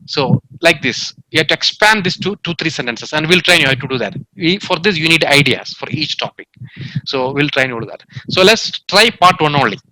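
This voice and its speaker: A man's slightly high, bright and forceful voice teaches an online exam class. He explains through worked examples, stumbling and restarting often with many fillers. The sound comes over a video-call mic. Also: expressive, fairly quick, dry recording, low-quality recording. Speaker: English tutor. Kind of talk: online demo class lesson.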